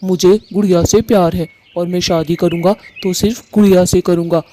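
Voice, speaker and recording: A man's voice: high-pitched, fairly even intonation, a little fast, mellow, lightly acted. A man voicing a young male bird in a cartoon who coaxes and then defies his mother. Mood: defiant. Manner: defiant, wheedling. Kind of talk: Hindi cartoon voice acting.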